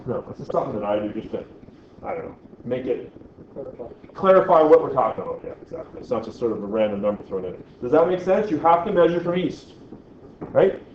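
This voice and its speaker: Animated and medium-pitched, a male teacher lectures fairly quickly, joking with the class and often asking "right?". The echoey, dull, lo-fi classroom recording carries a little hiss or hum.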